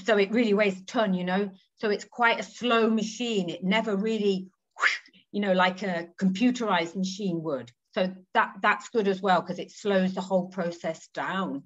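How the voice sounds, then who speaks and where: A woman's voice: mid-range voice, moderate pace. Woman in her 40s, chatty and thoughtful, bit dull video call sound. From England. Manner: chatty, thoughtful, trailing asides with tag questions. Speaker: guest textile artist. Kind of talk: casual interview over video call. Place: home room with green walls.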